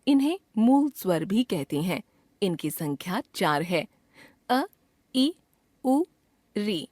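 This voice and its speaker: A woman reads a grammar lesson at a very slow, deliberate pace, stretching out the sounds she names. Her voice sits in a middle pitch and sounds dry and close, with no room around it. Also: very animated, a little mellow, dry recording. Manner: slow, careful, drawn-out enunciation of sounds. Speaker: teacher. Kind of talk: scripted grammar lesson reading.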